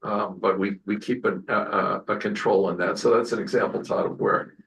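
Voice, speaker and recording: A man answering questions at a community board meeting, halting with many fillers and restarts. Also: on the low side, steady tone, vocal fry, a bit bright, recorded from a distance, low-quality recording. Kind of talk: public meeting testimony.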